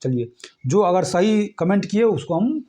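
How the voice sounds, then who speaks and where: A man's voice: high-pitched, expressive, a little slow, dark tone. A man teaching an exam-prep lesson, repeating points and checking in with the class. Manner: repetitive, keeps checking "ठीक है?" with listeners.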